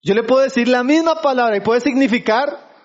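Pastor, male, very high voice; sermon with rhetorical questions to the congregation, muffled recording. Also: a little fast. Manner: keeps asking the congregation for agreement; addresses listeners as brothers.

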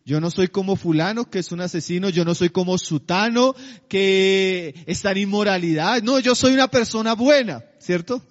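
A man preaching a sermon, asking his congregation rhetorical questions and slowing down to stress key phrases. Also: sits high, in a large hall, muffled recording. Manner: slows to a drawn-out, emphatic cadence on key phrases.

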